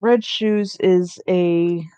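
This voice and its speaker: Young woman vlogger, unhurried meandering talk, slightly low voice, casual cursing. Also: steady tone, dark tone, clean tone, dry recording. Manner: rambling with many ums and restarts, casual swearing. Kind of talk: rambling casual chat about shows.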